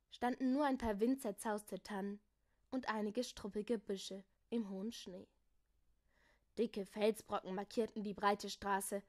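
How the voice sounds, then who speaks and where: A woman reading a children's novel aloud as a lively storyteller. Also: mid-range voice. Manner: lively storytelling, voices the characters. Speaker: reader.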